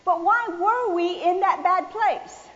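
A woman preaching a sermon, telling a personal story in a folksy, animated way. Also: extremely high pitch, slow. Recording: dull sound with long hall reverb.

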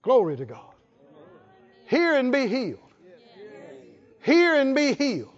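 A man's voice: very high-pitched, huge pitch swings, slow pace, highs cut off. A male pastor preaching a sermon, emphatic, prompting the congregation with short questions.

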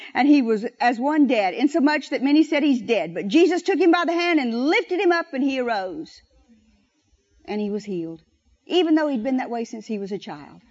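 A woman preaching a sermon, leading the congregation in call-and-response. She is animated and slows down to stress scripture. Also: sits high. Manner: animated, slows down to stress scripture and leads the crowd in repeating lines. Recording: dull, lo-fi church recording.

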